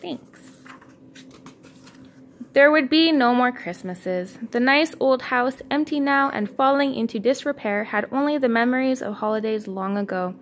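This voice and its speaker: In a homemade recording with clear background noise, a woman reads a children's story aloud the way a parent would to a child, adding casual asides. Her voice is high-pitched and her pace a little slow.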